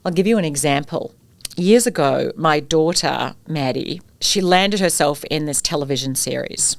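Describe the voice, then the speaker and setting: A middle-aged Australian woman, a guest expert in a conversational interview, tells stories animatedly and poses rhetorical questions. Her voice sits low with vocal fry at normal speed, and there's no room sound.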